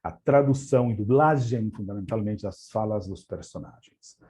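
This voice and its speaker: A native Spanish speaker from Argentina presents a webinar in his Argentine accent, hesitating often and piling up fillers and repeated words. His voice is fairly low and warm, at a normal speed.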